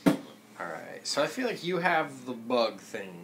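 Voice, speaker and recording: A young man playing a tabletop game, excitable and swearing casually. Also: mid-range voice, measured pace, creaky, heavy background noise. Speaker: player.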